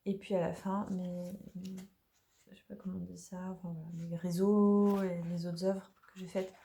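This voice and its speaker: Hesitant French woman, mellow voice. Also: lowish voice, flat delivery, moderate pace, vocal fry. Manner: chatty, hesitant with many fillers. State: slightly hoarse from allergies. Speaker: oracle deck creator. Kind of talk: casual product presentation. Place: dim room in the evening.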